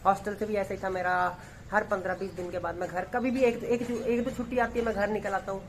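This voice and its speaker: A man's voice: high-pitched, flat delivery, fast, slight background noise, poor audio. A young man from Punjab, a dance content creator talking through a casual daily vlog in a chatty, rambling, playful way. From Punjab, India. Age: young adult.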